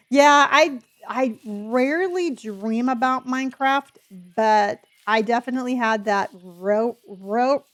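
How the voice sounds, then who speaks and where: High-voiced woman streamer who can't pronounce R's. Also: takes it slowly, few pauses. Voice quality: speech impediment, cannot pronounce R's. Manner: chatty, addresses viewers as honey. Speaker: live streamer. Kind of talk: casual chat with live stream viewers while gaming.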